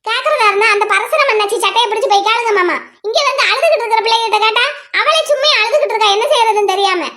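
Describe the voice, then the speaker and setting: Woman doing a mouthy young village wife for a cartoon, super high squeaky voice, talks fast. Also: bright, forceful tone. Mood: argumentative. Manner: fast, argumentative, reasoning. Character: young village wife, outspoken and quick-tongued. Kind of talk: cartoon voice acting.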